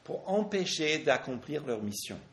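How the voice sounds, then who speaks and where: Slow French preacher in a roomy hall. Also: male voice, a little high, sing-song, slight background noise. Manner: pauses for interpreter, asks rhetorical questions. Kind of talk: sermon with live interpretation.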